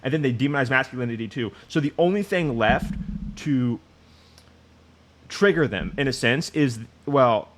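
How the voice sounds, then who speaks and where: A man's voice: mid-range voice, expressive, moderate pace. Male commentator, scornful and wry, mid-range voice. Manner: mocking, laughs at clip, acts out quoted voices. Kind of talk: reaction commentary.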